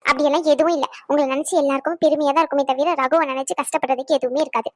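A woman voicing a patient, caring young wife in a cartoon, gentle and reassuring. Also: high-pitched, steady tone, racing, no echo, studio quality, natural voice. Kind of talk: cartoon voice acting.

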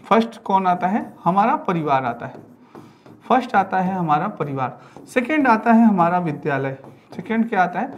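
This man in his thirties teaches an exam-prep class in an indoor studio with a digital teaching board, using repeated phrases and rhetorical questions. His high voice swings widely in pitch at normal speed, with a slight hiss or hum.

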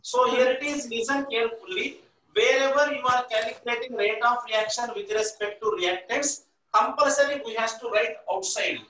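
At normal speed, a man with a very high, bright, forceful voice and an Indian accent teaches chemistry to a live online class from a blackboard. He repeats points and has listeners finish his sentences. The room echo is strong because a distant camera microphone records him.

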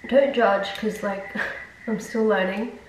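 A woman's voice: mid-range voice, fairly even intonation, slow, darkish tone, slight background noise. Congested woman in an echoey bathroom. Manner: chatty, self-deprecating, rambling asides. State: congested, nasal from blocked sinuses. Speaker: beauty vlogger. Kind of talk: casual skincare vlog chat. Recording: echoey room, mic at a distance.

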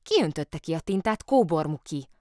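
A woman's voice: low-pitched, animated, a little mellow, no room sound, studio quality. A woman voicing an earnest little girl who tries to sound stern, asking urgent, demanding questions. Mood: stern worried.

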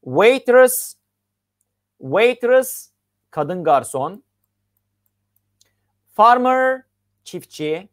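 An English teacher giving an online grammar lesson over slides, reading each example slowly and then translating it, and asking the class questions as they explain step by step. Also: medium pitch.

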